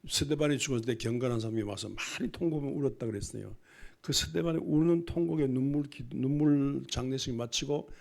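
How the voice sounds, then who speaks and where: A middle-aged pastor preaches a sermon in a church, folksy and emphatic, now and then imitating loud wailing cries. His voice is gravelly and rough with a husky, breathy edge. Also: mid-range voice. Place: church sanctuary.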